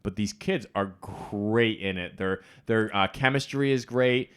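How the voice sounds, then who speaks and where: A young man co-hosting a podcast, chatting casually and excitedly about films, swearing freely. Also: lowish voice, unhurried, clear, resonant tone. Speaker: podcast co-host. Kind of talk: casual chat.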